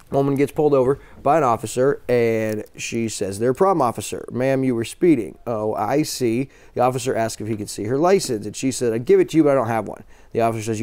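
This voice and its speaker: A man's voice: medium pitch, darkish tone. A man co-hosting a casual local morning talk show, chatting about football picks and telling a joke. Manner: tells a joke with quoted voices.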